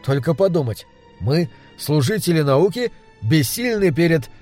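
A man reading as a steady, reassuring doctor. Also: on the high side, unhurried, no echo, soft background music. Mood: earnest. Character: composed male doctor, shaken but steady. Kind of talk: audiobook character reading.

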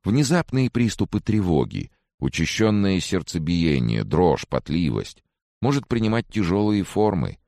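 A man's voice: low voice, very animated, a little slow, vocal fry, dark tone, no room sound, pitched above the performer's own voice, full character voice. A man voicing a tired male doctor who speaks in a dry, matter-of-fact, slightly mocking way, as an audiobook character voice.

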